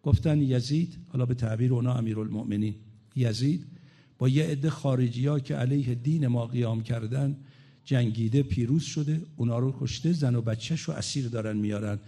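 A man's voice: medium pitch, mellow. A man preaching a religious sermon, telling a story dramatically, voicing the people in it and sliding into chanted lament.

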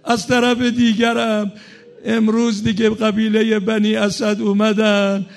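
Preacher guy, really high voice, tells the story dramatic, does all the people in it. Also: completely flat delivery, vocal fry. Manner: dramatic storyteller, voicing the people in his tale; slips into chanted lament. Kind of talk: religious storytelling sermon.

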